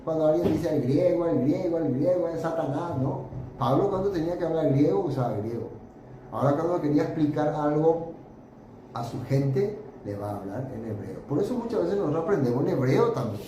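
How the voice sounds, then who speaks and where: A man's voice: a little high, brisk. Man teaching Bible study in echoey room. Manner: conversational, hesitant fillers, points at pictures while explaining. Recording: roomy echo with steady background noise.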